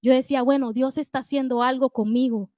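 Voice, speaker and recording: Middle-aged woman preacher, high voice, dry close mic, emphatic storytelling sermon. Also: fairly even intonation, a little fast, a little mellow, no room sound. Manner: emphatic, storytelling with direct address to listeners.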